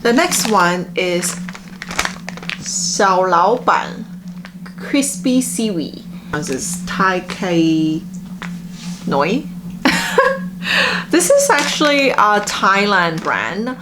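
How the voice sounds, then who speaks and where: A woman giving a casual, halting taste-test review, with lots of filler words like "like". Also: mid-range voice, sing-song, background noise. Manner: halting, filler-heavy, frequent "like". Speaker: food review vlogger.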